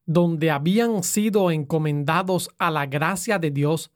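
A woman reads scripture aloud at a very slow, deliberate pace. Her voice sits somewhat low, and the reading is solemn and measured. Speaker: scripture reader.

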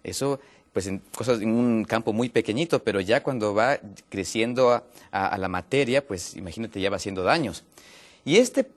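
Low-voiced man from Ecuador, hesitant explainer. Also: lively intonation, normal speed. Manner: patient explainer, many hesitations. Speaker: guest. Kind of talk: explaining health topic in an interview.

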